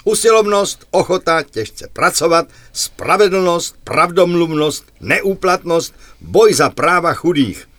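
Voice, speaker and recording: A man telling jokes on a radio comedy segment in a lively, chuckling way. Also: fairly high pitch, dry recording. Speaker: radio joke teller.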